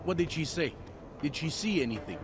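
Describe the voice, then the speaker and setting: Playing a game character, a worn-out veteran city cop, this man speaks in a fairly high, animated voice at a brisk clip, lightly acted. Loud cutscene music and background noise surround his wry, tired, half-joking lines.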